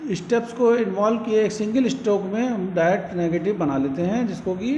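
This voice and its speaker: Male lecturer, high voice, slow deliberate read-outs of definitions, roomy recording. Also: mellow, slight background noise. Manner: explains in Hindi, reads English definitions slowly. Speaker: polytechnic lecturer. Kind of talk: classroom lecture video.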